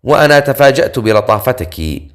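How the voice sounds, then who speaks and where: A man's voice: medium pitch, big pitch swings, fairly quick. A man voicing an innocent, cheerful young human girl in an audiobook, with a wondering manner.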